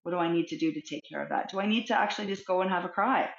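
A middle-aged woman with a fairly low voice talks reflectively as a counsellor on an interview. She is expressive and acts out small scenes. The sound is roomy and a little muffled. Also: very fast, creaky. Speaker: guest, counsellor. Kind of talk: conversational interview.

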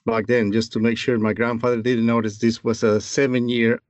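A man's voice: medium pitch, flat delivery, a little fast, no room sound. A man from Mexico, a guest filmmaker, chatting as a storyteller in a casual interview over a video call. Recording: dull lo-fi video call audio.

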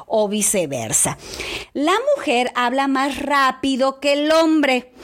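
Woman, high lively voice, chatty teaching talk. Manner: animated, chatty, confiding. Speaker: marriage talk speaker.

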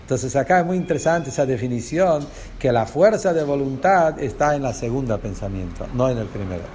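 A man's voice: medium pitch, lively intonation, brisk, a little mellow, slight background noise. A man with a Rioplatense Spanish accent teaching a lesson on a religious text. He explains step by step and asks the class rhetorical questions.

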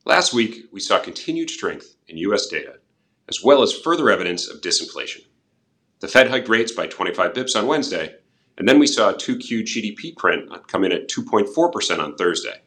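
A man's voice: on the low side, big pitch swings, brisk, a bit bright. A man hosting a finance podcast, giving scripted market commentary in a businesslike way with conversational touches. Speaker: podcast host, portfolio manager.

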